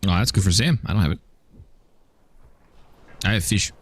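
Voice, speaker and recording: Male streamer, low-ish voice, casual jokey chat with stammered restarts. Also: normal speed. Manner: joking, chatty, frequent stammered restarts. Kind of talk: casual livestream chat while gaming.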